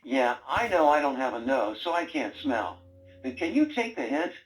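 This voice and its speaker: A man's voice: medium pitch, very animated, moderate pace, natural voice, poor audio. A man voicing a sarcastic talking brain toy. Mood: teasing. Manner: sarcastic, teasing, bossy quiz-style prompts. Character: wisecracking male talking brain robot toy. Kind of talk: toy voice lines.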